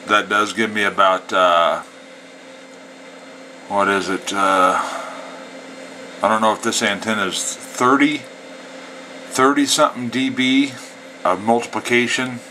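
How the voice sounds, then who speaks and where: A man with a lowish voice runs a CB radio, speaking at a measured pace with frequent pauses in a bright, forceful tone. Folksy and full of CB slang, he moves between radio calls and casual explanation. The audio is poor, with CB static and chatter behind him.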